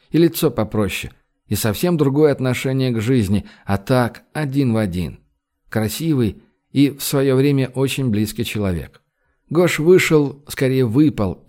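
A man reading a novel aloud as narrator, in a steady, measured manner. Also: medium pitch. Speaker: audiobook narrator. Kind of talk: scripted narration.

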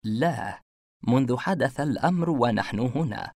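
A man voicing a nervous male witness in a storybook reading, who stammers, hesitates and talks slowly in a raised voice. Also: medium pitch, animated, darkish tone, no room sound, clean studio sound.

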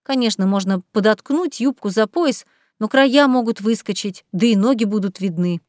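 A woman's voice: mid-range voice, normal speed, darkish tone, no echo, studio quality, lightly acted. A woman voicing a bold, mocking young noblewoman in a storybook reading, teasing and self-assured.

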